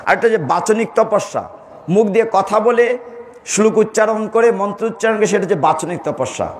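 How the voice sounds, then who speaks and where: A man's voice: high voice, expressive, fairly quick. A man giving a devotional sermon, telling stories, asking his listeners questions and acting out quoted lines. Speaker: preacher.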